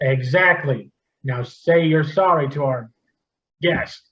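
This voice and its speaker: An actor playing a flustered, old-fashioned dad in a comedy sketch, stammering and drifting off topic. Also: male voice, a little high, slow, a bit bright, muffled recording. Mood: fatherly. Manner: flustered, easily sidetracked, stammering. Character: rambling old-fashioned middle-aged dad. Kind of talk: amateur comedy sketch acting.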